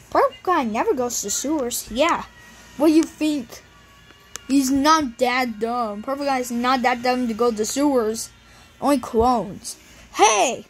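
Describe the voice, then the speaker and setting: A woman's voice: high-pitched, husky, rough recording. A woman improvising a plush puppet show, rambling with lots of fillers and switching between character voices.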